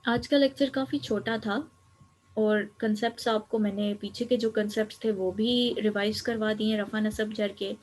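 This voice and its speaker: Husky-voiced woman teacher, patient step by step grammar lesson, drops english words in. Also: medium pitch, fairly even intonation, low-quality recording. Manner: patient, explaining step by step, mixing in English terms. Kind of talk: online grammar lecture.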